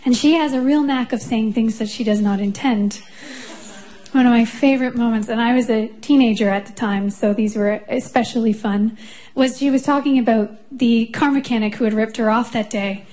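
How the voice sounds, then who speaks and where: Woman singer, slightly high voice, warm-up patter before a song, chatty and amused. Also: steady tone, normal speed. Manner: chatty, chuckling, personal anecdotes. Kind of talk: on-stage song introduction. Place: concert stage.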